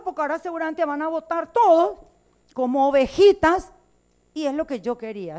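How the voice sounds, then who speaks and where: A woman lawmaker with a Paraguayan Spanish accent delivers a floor speech in the chamber. Her voice sits a little high, and she speaks emphatically, with indignation and fight. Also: darkish tone. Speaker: legislator. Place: legislative chamber.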